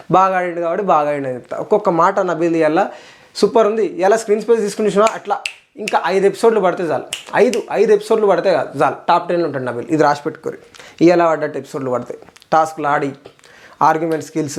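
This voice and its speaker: A young man with a Telangana Telugu accent reviewing a reality show episode in a casual, indignant rant, repeating phrases for emphasis. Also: fairly high pitch.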